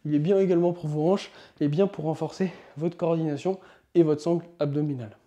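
A man teaching yoga, giving upbeat coaching and counting slowly through each movement as he demonstrates. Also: fairly high pitch, steady tone, mellow, highs cut off. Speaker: yoga instructor. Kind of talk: instructional demonstration.

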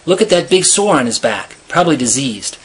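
A man voicing a gruff, grumbling bird hunter from the 1800s in a storybook read-aloud, with a husky, growling delivery. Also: mid-range voice, big pitch swings, brisk, slight background noise, natural voice. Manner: growling, complaining.

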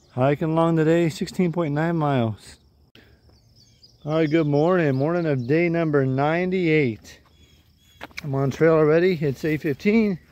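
On a wooded mountain trail, a man in his forties vlogs casually with his phone held at arm's length, chatting easily as a thru-hiker. He has a fairly high voice with a darkish tone.

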